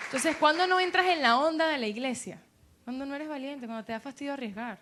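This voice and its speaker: A woman pastor preaches a sermon in a high voice. She talks in an animated way and drops her voice low when she acts out people's doubts. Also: quick pace, a crowd in the background, background noise.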